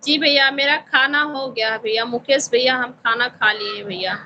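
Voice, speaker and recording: Bright-voiced woman chatting on a live stream. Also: fairly high pitch, moderate pace, lo-fi sound, slight background noise. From Uttar Pradesh, India. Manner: polite, calls everyone brother. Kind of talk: casual live chat reading viewer comments. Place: home in Visakhapatnam.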